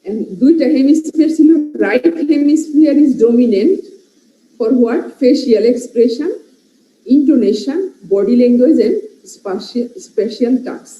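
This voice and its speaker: Bangladeshi woman lecturing, slow and dark. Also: sits high. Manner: explains by listing terms and checking in with "right?". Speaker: medical lecturer. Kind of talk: classroom lecture mixing Bengali and English. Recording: muffled, echoey classroom recording.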